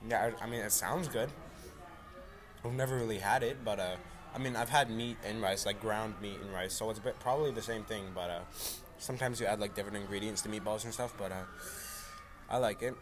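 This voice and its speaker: A man's voice: lowish voice, a little fast, background noise. A man chatting casually about food, rambling and playful, repeating words, sounding a bit stuffy.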